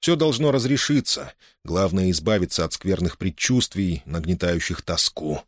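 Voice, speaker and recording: A man narrating a historical novel in measured, literary storytelling. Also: sits low, no room sound, studio quality. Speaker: audiobook narrator. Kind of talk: scripted narration.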